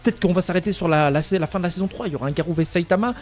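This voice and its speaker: High-pitched, racing and darkish in tone, this young Frenchman in his twenties runs an anime YouTube channel. In his video review he launches into an indignant, exasperated rant full of slang and curses.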